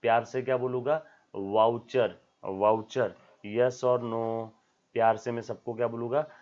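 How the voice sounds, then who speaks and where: A man's voice: mid-range voice, little pitch movement, unhurried, a little mellow. A man teaching an accounting lesson, asking his students questions, repeating key words and acting out little dialogues. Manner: acts out dialogues in a raised voice, asks students questions; code-mixes English terms, repeats key words. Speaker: commerce teacher. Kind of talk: classroom lecture. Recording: dull lo-fi sound.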